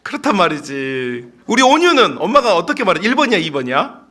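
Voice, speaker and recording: A middle-aged man preaching a sermon in a fairly high, bright voice. His pitch leaps about as he acts out scolding parents and teases the children, keeping the tone playful and lively. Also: fast. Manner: animated and playful, acting out parents and chatting with children. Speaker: pastor.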